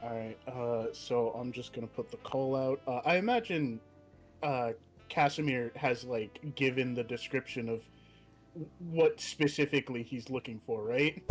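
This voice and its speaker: A man playing a tabletop game, speaking in relaxed casual chat. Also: medium pitch, moderate pace, faint music behind. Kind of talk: casual role-play chat.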